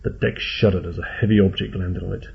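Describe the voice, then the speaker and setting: A man's voice: low-pitched, fairly even intonation, fairly quick, vocal fry, husky. A man narrating a story in a dry, wry way, in a tinny phone-like recording. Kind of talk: audiobook narration.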